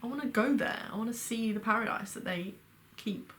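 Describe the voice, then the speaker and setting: A woman's voice: a little high, fairly quick, a bit bright, a little hiss or hum. A British woman hosting a reaction channel, chatting casually and rambling with lots of fillers and restarts. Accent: British English. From Britain. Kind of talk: casual chat.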